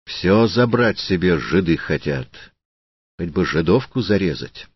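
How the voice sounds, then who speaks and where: A man voicing a menacing male street thug chanting slowly in a grim, jeering way. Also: deep voice, lively intonation, slightly rough, dry recording, dull audio, full character voice.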